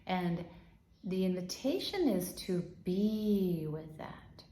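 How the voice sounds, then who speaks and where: This gentle woman, Danish by first language, teaches healing and meditation and is giving a guided body-awareness talk. Her pitch is fairly low with lively intonation, heard in a roomy space with a little hiss or hum. Her manner is unhurried, marked by soft, repeated guidance.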